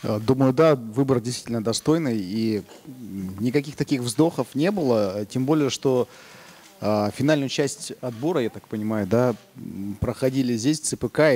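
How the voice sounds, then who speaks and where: Husky man answering press questions hesitantly. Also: mid-range voice, darkish tone.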